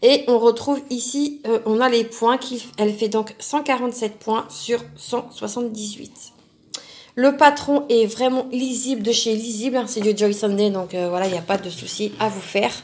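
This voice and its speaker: Female crafting host, slightly raised pitch, casual rambling unboxing chat full of fillers. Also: steady tone, normal speed, darkish tone. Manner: chatty and self-talking, musing aloud with many fillers.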